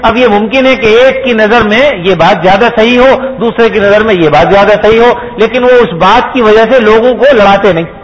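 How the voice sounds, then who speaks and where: A man's voice: high-pitched, lo-fi sound, slight background noise. A man giving a sermon, explaining patiently and asking his listeners rhetorical questions. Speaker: Islamic preacher.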